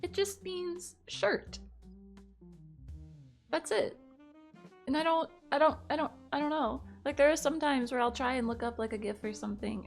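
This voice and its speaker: A woman's voice: medium pitch, gravelly. A young woman streamer chatting casually with her stream chat, rambling, swearing often and laughing between thoughts.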